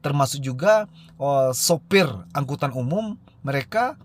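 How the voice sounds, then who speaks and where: A man giving a recorded lesson, often pausing with "eh" fillers and ending points with a tag "ya". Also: mid-range voice, animated. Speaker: teacher.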